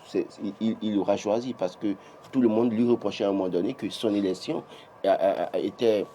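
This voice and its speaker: A man with a Beninese French accent speaks in a lowish, mellow voice, steady in tone and brisk, with slight background noise. His political commentary on a morning TV press review is emphatic and full of restarts, and his voice rises when he insists.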